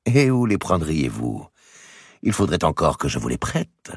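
A man voicing a cold, shrewd middle-aged merchant in an audiobook, speaking in a measured, deliberate and calmly menacing way. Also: very deep voice, husky, dry recording, exaggerated voice. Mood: cold, calculating. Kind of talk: audiobook character reading. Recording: dry close recording.

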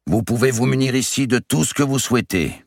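A man playing a loud swaggering giant nobleman. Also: mid-range voice, a little fast, creaky, no room sound, clean studio sound, voice pushed up. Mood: boisterous mocking. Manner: loud, mocking, theatrical. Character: boisterous giant male nobleman, swaggering and sly. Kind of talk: audiobook character voice.

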